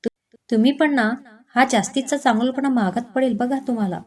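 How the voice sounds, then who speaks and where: A woman's voice: a little high, brisk, natural voice. A woman voicing a disapproving, suspicious middle-aged mother in a spoken storybook. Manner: scolding, suspicious.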